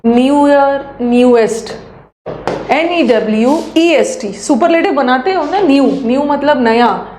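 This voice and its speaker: A woman teacher, leading a live online class and briskly spelling out words letter by letter. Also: sits high, animated, darkish tone. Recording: echoey room with faint hum.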